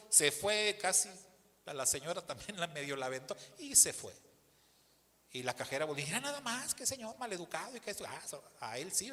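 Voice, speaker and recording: A Mexican man preaching, a pastor who tells his story with lively swings in pitch and acts out the people in it. His voice sits a bit high and sounds bright and forceful. It rings with the long reverb of a church hall. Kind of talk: storytelling sermon.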